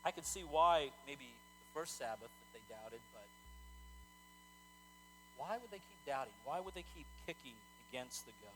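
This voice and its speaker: A male pastor preaching a sermon in a conversational, animated way, often repeating words as he talks. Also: a little high, normal speed, noisy background.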